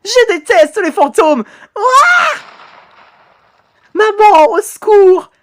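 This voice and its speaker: Woman doing a shrill terrified toilet creature. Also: level tone, drawn-out words, noisy background. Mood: panicked. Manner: shrill, panicky, pleading.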